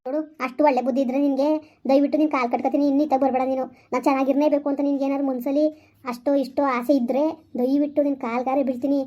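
A woman playing a frightened married village woman in a family skit, pleading desperately and talking fast. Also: high-pitched, little pitch movement, mellow, dull audio, lightly acted.

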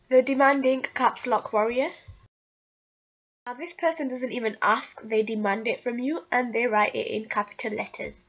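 A young woman with a sick-sounding voice narrating a scripted, comedic list as a voice-over. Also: a little high. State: sick, with a cold-affected voice. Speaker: YouTube video creator and narrator. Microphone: voice-over recorded off screen. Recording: dull lo-fi home recording.

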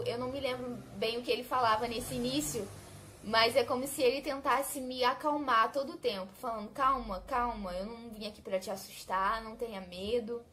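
Young Brazilian woman, higher voice, heartfelt personal testimony with faint background hiss. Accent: Brazilian Portuguese. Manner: heartfelt, conversational, often addresses listeners directly. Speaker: channel host sharing a testimony. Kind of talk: personal faith testimony told to viewers.

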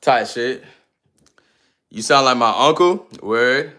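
A man's voice: mid-range voice, animated, slow pace, sharp tone. A man in his twenties livestreaming, reading viewer comments aloud and answering them in loose, slangy, sometimes ranting casual chat. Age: 20s.

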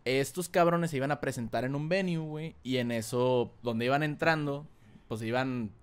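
A man's voice: medium pitch, clean tone. A man from Monterrey with a northern Mexican accent, chatting casually as a podcast guest, slangy and full of filler words. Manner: fast, slangy, fills every phrase with filler words. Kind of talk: casual chat.

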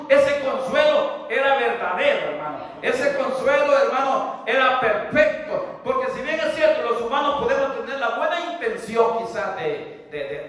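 Middle-aged man, preacher, very high voice, fervent sermon, heavy echo, long hall reverb, recorded from afar. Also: fairly bright tone. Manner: fervent, keeps calling listeners brother. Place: church sanctuary, preaching at a pulpit. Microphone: far camera in the pews. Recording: echoey hall from far off.

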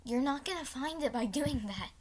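High-voiced female in casual game chat. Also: lively intonation, normal speed, darkish tone, a little hiss or hum. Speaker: host drawing for a guessing game.

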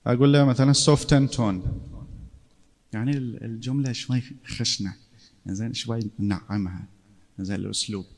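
A man's voice: mid-range voice, steady tone, moderate pace, gravelly, a little mellow. A man giving a casual classroom lecture, conversational and often checking in with his listeners.

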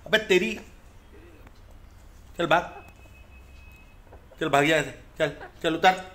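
A man at home playfully scolding his pet parrot, shooing it away in rough slang and then coaxing it fondly. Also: fairly high pitch, slow pace, fairly bright tone. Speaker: pet owner. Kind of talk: casual talk to a pet parrot. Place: at home indoors. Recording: echoey room.

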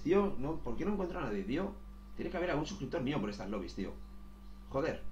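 Excitable gamer man, echoey. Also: a little high, noisy background. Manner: excitable, swears, says "tío" constantly. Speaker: gaming youtuber. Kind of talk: casual gameplay commentary.

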